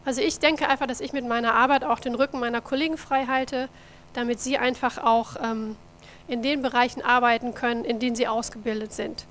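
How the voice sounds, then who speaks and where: A woman's voice: fairly high pitch, fairly even intonation, brisk, a bit bright, a little hiss or hum. A woman from Germany, a mission office coordinator, giving a friendly church presentation about her work and talking directly to the audience. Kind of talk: church mission report with slides.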